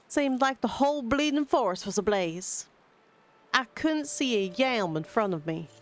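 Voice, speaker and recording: A woman reading game dialogue aloud, voicing a hearty, rough-spoken forest worker with an earthy dialect and rough exclamations. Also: a little high. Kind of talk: reading video game dialogue in character voices.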